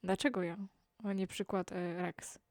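A man's voice: sits high, level tone, unhurried, dry recording, studio quality. A timid, stammering clown henchman, meek and clumsy, read by a young man in nearly his own voice. He sounds apologetic and eager to please. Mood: whiny.

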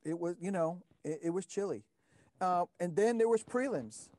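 A man's voice: sits high, normal speed, dry recording. A man in his fifties, a former drum line member, animatedly telling stories in a casual reunion chat. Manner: animated storyteller, acts out shouting.

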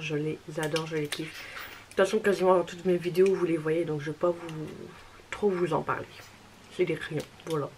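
A woman's voice: medium pitch, slight background noise, poor audio. A woman beauty vlogger talking casually to camera, chatty and repetitive, filling gaps with little asides. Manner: chatty, repeats "voilà" often, apologetic. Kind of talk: casual makeup haul vlog.

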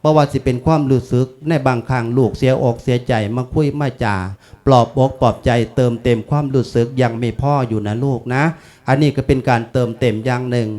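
Isan monk in his fifties, folksy and chatty at a funeral sermon, mid-pitched voice. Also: steady tone, brisk, darkish tone. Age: 50s. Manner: folksy, chatty teaching with Pali chanting.

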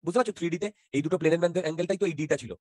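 A man's voice: a little high, rapid-fire, darkish tone, no echo, studio quality. A man teaching physics in an interactive online class, often checking whether students follow and mixing in English terms.

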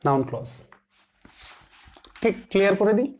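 A man teaching English grammar, slowly repeating example sentences word by word and answering his own questions. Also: sits high, big pitch swings, a little mellow. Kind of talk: classroom grammar lesson.

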